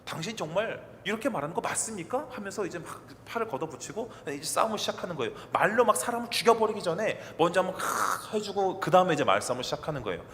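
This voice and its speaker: Guy pastor preaching, kinda high voice that swings all over, acts out the lines, long echo like a big church. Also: fast talker, few pauses. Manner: lively, acts out quoted dialogue, asks the congregation questions. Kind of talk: sermon. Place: church sanctuary. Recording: long hall reverb, faint ambient noise.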